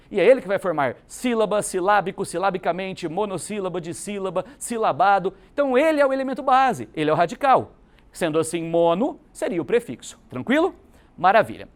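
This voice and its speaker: Animated Brazilian teacher with a lively, high voice. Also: male voice. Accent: Brazilian Portuguese. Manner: checks in constantly with the class, animated and emphatic. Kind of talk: exam-prep grammar lesson.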